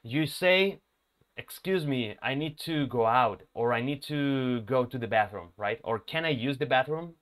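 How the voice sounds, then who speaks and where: A male English teacher talks his students through a lesson at an unhurried pace. He repeats words slowly for practice and keeps asking whether they follow. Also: medium pitch, animated, a bit bright, smooth. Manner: checks in often with "ok?" and "ya?".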